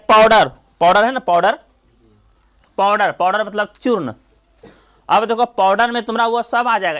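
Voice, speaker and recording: A man's voice: high-pitched, fairly bright tone, clear, resonant tone. A male coaching teacher giving a classroom grammar lesson, drilling students with repeated questions and then answering them himself.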